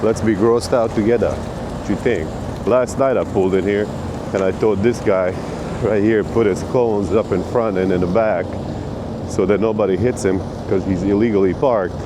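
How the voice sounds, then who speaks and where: A Bosnian truck driver vlogs at a truck stop, bantering loosely into a handheld camera with slang and profanity, outdoors and in a shower room. His voice is fairly low at normal speed, over a noisy background.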